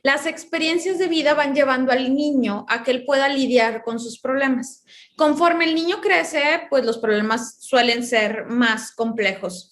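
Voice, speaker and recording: A woman's voice: high voice, measured pace, a bit bright. A woman, a psychologist guest in an interview, explaining through long personal anecdotes and acting out the dialogue. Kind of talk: conversational interview.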